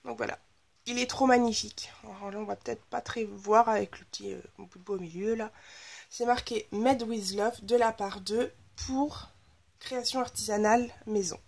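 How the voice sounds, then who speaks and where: In her casual haul video, a scrapbooking vlogger enthuses over her new craft purchases with a chatty, gushing manner. Her voice is on the high side, slightly nasal and blocked, a little mellow, with vocal fry. Her intonation stays fairly even at a moderate pace.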